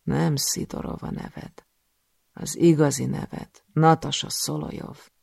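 A man reading an audiobook, voicing a cruel, scheming male cult master who speaks slowly and with menace. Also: a little high, steady tone, vocal fry, a little mellow, no room sound, studio quality. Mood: pleading.

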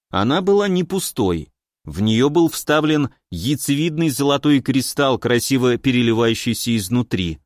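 A man narrates a fantasy audiobook in a steady, even way. His pitch sits in the middle range. The recording is dry and close, with no room sound. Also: no room sound.

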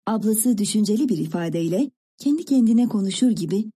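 A woman narrating an audiobook in a calm, measured storytelling manner. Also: mid-range voice, breathy edge. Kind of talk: scripted narration.

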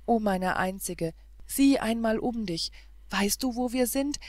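Brave young hero from a fairy-tale audiobook, voiced by a woman, fervent and urging, slow and measured, dry close sound. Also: on the low side, expressive, no room sound.

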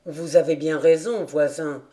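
Measured, persuasive village pastor in a storybook reading; a narrator does him, calm and earnest. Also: mid-range voice, natural voice. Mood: conciliatory. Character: earnest village pastor, middle-aged man. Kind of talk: audiobook character reading.

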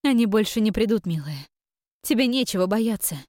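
A woman voicing a tender mother who gently and firmly comforts her frightened daughter. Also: mid-range voice, lively intonation, a little fast, no room sound, clean studio sound, pitched above the performer's own voice, close to an everyday voice. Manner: soft, soothing, quietly firm.

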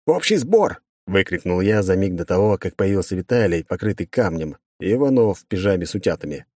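A man reading a first-person audiobook in a brisk, wry storytelling manner on a close mic. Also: low-pitched, a little mellow, dry recording. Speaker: audiobook narrator.

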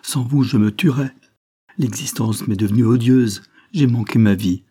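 A man's voice: fairly low pitch, animated, moderate pace, mellow, slightly rough, dry recording, clean studio sound. A man reading aloud, voicing a desperate lovesick man who pleads passionately and tearfully. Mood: pleading.

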